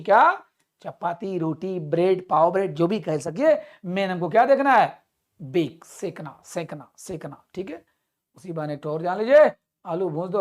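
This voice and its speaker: A male teacher runs a spoken-English class, repeating each phrase several times as a drill. He often pauses to quiz his listeners and talks to them as comrades, with an emphatic tone. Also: high voice.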